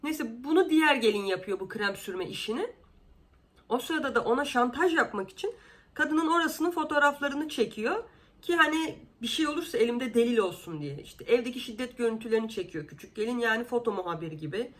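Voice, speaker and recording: A woman talks straight to camera as a vlogger, fed up and sarcastic about what she is describing. Her voice sits a little high, and she keeps leaping upward on her words before dropping back down. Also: fairly quick. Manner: indignant, sarcastic, exasperated; animated, with sudden pitch jumps. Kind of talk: casual commentary.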